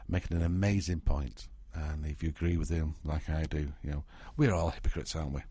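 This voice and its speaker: Very deep husky male podcast host. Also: fairly even intonation, brisk, dark tone, no room sound. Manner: thoughtful, hesitant with fillers. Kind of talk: casual commentary.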